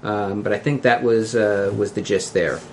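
A man with a Philadelphia accent hosting a casual podcast in a halting, loosely scripted way. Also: fairly low pitch, fairly even intonation, a little hiss or hum. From Philadelphia area, United States. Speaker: podcast host.

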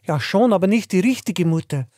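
A man's voice: high-pitched, expressive, fairly quick, dark tone, dry recording, studio quality, voice pushed up. A man playing a muddled, hesitant male customer who stammers through his answers. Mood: bumbling.

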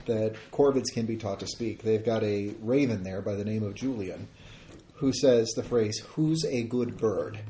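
A man's voice: on the low side, warm tone. A man playing a tabletop game, chatting casually in a wordy, explanatory way. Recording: echoey room, noisy, clicks.

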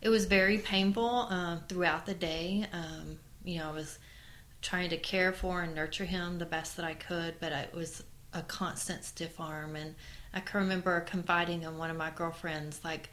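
A woman's voice: lowish voice, steady tone, normal speed, a bit bright. A woman co-hosting a casual conversation, earnestly recounting personal stories with many fillers. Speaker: co-host, mother.

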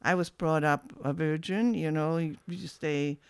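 A woman in her seventies reminiscing in an oral history interview, halting with many restarts. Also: low voice, steady tone, smooth, dry recording. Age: 70s.

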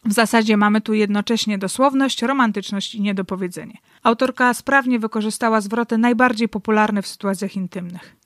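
A woman's voice: medium pitch, a little fast, no echo. A woman giving wry, analytical literary commentary, with dry irony and read-aloud excerpts. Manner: wry, analytical, dryly ironic. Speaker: book reviewer.

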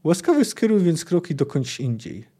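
A man's voice: fairly high pitch, sing-song, moderate pace, warm tone, husky, pitched above the performer's own voice. A man voicing a stocky doorman of an exclusive inn who speaks coldly and formally. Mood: cold haughty. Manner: cold, pompous, formal speech. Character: stocky male doorman, cold and haughty.

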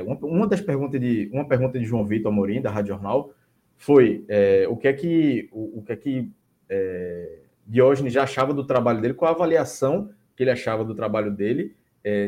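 A man's voice: medium pitch, expressive, fairly quick, warm tone. A man commenting on football in a casual talk show, pointed and repeating for emphasis. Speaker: sports commentator.

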